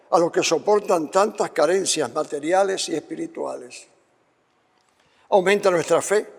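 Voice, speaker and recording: A man leading solemn liturgical prayer as a priest, measured and reverent, with cathedral echo. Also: high voice, creaky. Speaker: priest presiding at Mass. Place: large church, amplified.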